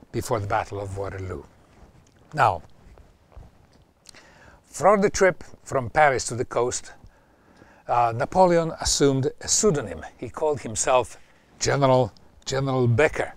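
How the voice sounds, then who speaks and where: Italian-accented man telling history, halting. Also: medium pitch, no room sound. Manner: digressive, repeats and restarts phrases; varies loudness a lot from phrase to phrase. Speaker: history presenter. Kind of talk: informal history talk over images.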